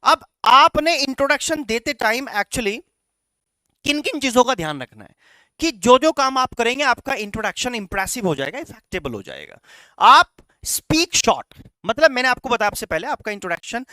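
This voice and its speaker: A man teaching a class of students, with a very animated voice that swings up and down as he makes his points. He drops English phrases into his speech and keeps checking in with the class. The recording is dry, with no room sound. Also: very high voice, normal speed, no echo. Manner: instructive, repeats "right?" and "चलेगा" to check in; mixes English phrases into Hindi. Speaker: coaching teacher. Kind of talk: classroom lecture.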